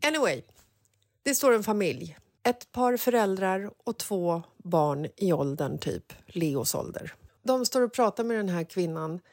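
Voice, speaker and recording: A woman in her forties, a podcast host, telling a personal story in a casual, emotional, animated way. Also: medium pitch, no room sound, studio quality. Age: 40s.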